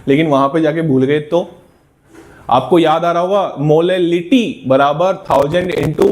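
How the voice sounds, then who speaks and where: A man's voice: on the high side, a little slow, a little mellow. A male chemistry teacher working through an exam problem step by step, encouraging students and asking then answering his own questions.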